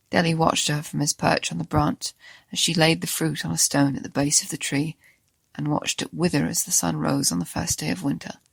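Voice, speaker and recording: A storyteller reading an original short story in a gentle, measured way. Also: medium pitch, creaky, breathy edge, no room sound. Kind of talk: scripted narration.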